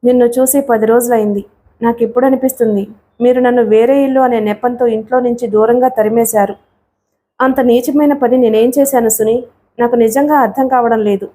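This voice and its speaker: A woman's voice: on the high side, fairly even intonation, a little fast, dark tone, lightly acted. A woman reading the lines of a lovesick young man who pleads and reproaches in an audiobook story. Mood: pleading.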